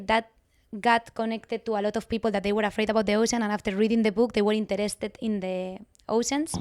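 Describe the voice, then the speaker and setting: A woman from Spain with a strong Spanish accent, telling her story as a guest on a podcast in an earnest, measured way. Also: medium pitch, clear, resonant tone, dry recording, studio quality. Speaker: guest, writer.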